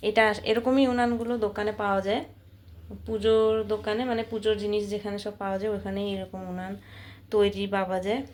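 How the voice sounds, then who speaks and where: A woman's voice: medium pitch, little pitch movement, quick pace, darkish tone. A woman chatting casually to her viewers as she films a home vlog on a phone camera. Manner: chatty, friendly, often addresses viewers as friends. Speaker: home vlogger.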